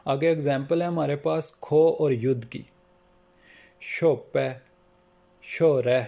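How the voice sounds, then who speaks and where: Calm man teaching pronunciation, mellow voice. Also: a little high, creaky. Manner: calm, slows down to spell out example words. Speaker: language teacher. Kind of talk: Norwegian pronunciation lesson.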